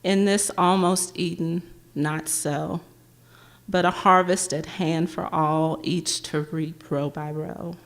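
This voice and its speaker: A woman reading her own poems aloud at a public library event, with a measured, gentle recitation. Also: low-pitched, fairly even intonation.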